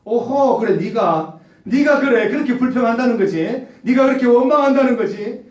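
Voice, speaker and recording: A man's voice: very high voice, expressive, moderate pace, voice pushed up. A man voicing an indignant God who mockingly scolds his grumbling people. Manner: mocking, needling repetition. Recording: echoey church hall, distant mic.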